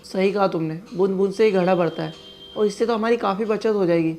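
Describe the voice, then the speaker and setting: A man's voice: high-pitched, steady tone, fairly quick, darkish tone, soft background music. A man acting as a young office-going husband who keeps protesting his wife's cost cutting in a scripted family skit. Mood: agreeing. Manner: protesting, exasperated.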